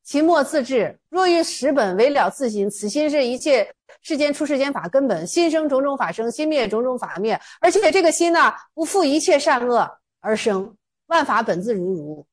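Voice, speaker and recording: A woman explains old Zen stories in an easygoing, conversational way, dropping into the voices of the people in them. Her voice sits high. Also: big pitch swings, normal speed. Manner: colloquial, acts out dialogue in stories. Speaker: Zen teacher. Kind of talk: casual koan storytelling.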